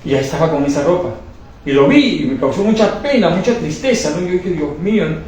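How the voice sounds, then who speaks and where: A fervent man tells a religious testimony with feeling, circling back over his words and restarting his phrases. His voice sits a little high for a man. It carries from well away from the microphone across a very echoey room, with a faint hiss underneath. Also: expressive, fast talker, a little mellow. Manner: fervent, repetitive, stumbling restarts. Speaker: testimony speaker. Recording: echoey room, distant mic, faint noise.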